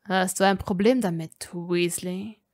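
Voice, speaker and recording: A mocking young wizard drawls his words slowly and leans into the sarcasm. He comes from a fan-made storybook reading, with a woman doing his voice. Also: on the low side, darkish tone, no room sound.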